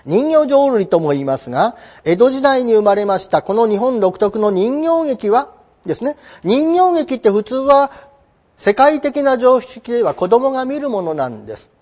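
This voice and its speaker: Man, teacher, textbook lecture, very high voice, acts out questions and answers, muffled lo-fi recording. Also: sing-song, darkish tone. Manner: acts out quick imagined exchanges with questions and answers. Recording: dull, lo-fi sound.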